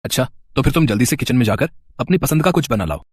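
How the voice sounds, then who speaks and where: A man's voice: mid-range voice, animated, slightly rough, dry recording, studio quality. A man voicing a reassuring young adult son who talks his mother down. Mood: placating. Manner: quick, reassuring.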